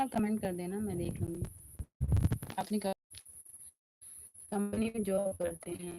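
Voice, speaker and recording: A woman hosting a casual live stream in a quiet back room of a house, chatting and answering viewer comments. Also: on the low side, noisy background.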